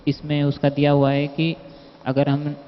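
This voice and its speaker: Slow, flat-voiced man asking a teacher. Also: a little high. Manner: respectful, reads a passage aloud. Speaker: student. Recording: dull lo-fi recording in a reverberant hall.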